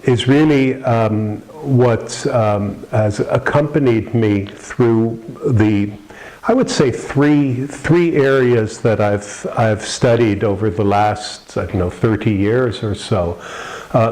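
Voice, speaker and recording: A man's voice: fairly low pitch, darkish tone, rough recording. A middle-aged man from New York with an American accent, giving a rambling public lecture with many fillers and restarts. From New York City, USA.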